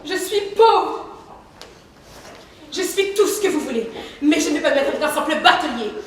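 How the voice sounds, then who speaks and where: A teenage girl plays a proud, fiery young woman who snaps back with spiteful retorts in a very high voice. The school stage play is heard from far off in a hall full of echo. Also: lively intonation, moderate pace, a little hiss or hum. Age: teens.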